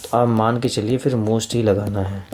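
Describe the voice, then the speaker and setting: A man's voice: lowish voice, steady tone, a little mellow, slight background noise. Indian man teaching English grammar. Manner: reads English sentences slowly, then explains in Hindi; addresses students affectionately as kids and friends. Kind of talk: explaining grammar to students.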